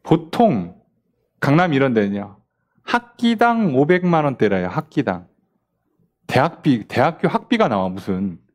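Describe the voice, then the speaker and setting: Animated pastor teaching a Bible study. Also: male voice, medium pitch, measured pace. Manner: conversational preaching with rhetorical questions and acted-out quotes.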